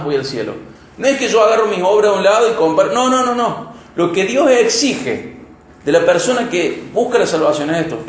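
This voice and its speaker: A man with an Argentine Spanish accent preaching an expository sermon as pastor, emphatic, swinging between loud peaks and soft, quiet drops. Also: high voice. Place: church hall. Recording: echoey church hall.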